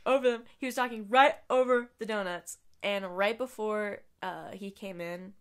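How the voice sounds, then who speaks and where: A young woman co-hosting a podcast, chatting casually and telling work stories, acting out what people said and trailing off softly at times. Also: mid-range voice, fairly even intonation, moderate pace, clean tone. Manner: storytelling, acts out quotes, trails off softly. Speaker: podcast co-host. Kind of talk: casual chat.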